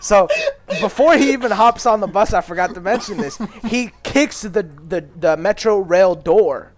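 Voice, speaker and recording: High-voiced young man telling a rambling story. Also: normal speed. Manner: rambling, profane, acts out quotes loudly. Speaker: podcast co-host. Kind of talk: casual storytelling chat.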